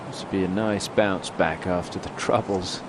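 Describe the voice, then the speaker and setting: A man's voice: sits low, fairly even intonation, moderate pace. A man commentating live on golf, following each putt with brief, approving remarks. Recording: loud crowd and outdoor noise. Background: crowd and outdoor ambience.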